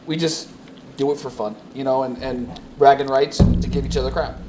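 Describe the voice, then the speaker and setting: A man's voice: medium pitch, steady tone, brisk, over music, poor audio. A man co-hosting a casual podcast in a cigar lounge, easygoing, often repeating words as he thinks. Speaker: podcast co-host. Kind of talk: casual chat.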